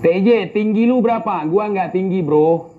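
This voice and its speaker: An Indonesian man with an Indonesian accent and a high-pitched voice reads viewer comments aloud and answers them in brash, mocking slang. His sound is slightly muffled and lo-fi. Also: moderate pace. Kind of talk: casual banter reading comments.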